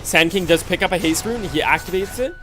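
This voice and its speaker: A man's voice: sits high, brisk, a bit bright, soft background music. Sleepy, laid-back male game commentator. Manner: laid-back, explanatory, many fillers. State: sleepy, yawning. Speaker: esports commentator. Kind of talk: solo play-by-play game commentary.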